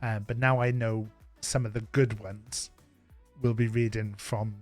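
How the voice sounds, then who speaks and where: A man's voice: fairly low pitch, level tone, a little slow, darkish tone, soft background music. Welsh man joking on a stream. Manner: joking, rambling with fillers. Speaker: streamer host. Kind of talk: casual chat on a live stream. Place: home streaming setup.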